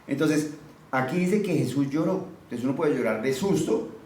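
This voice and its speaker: A man's voice: on the high side, animated, normal speed, a little mellow, echoey room, recorded from a distance, slight background noise, low-quality recording. A man preaching a sermon, teaching conversationally and asking his listeners questions as he goes.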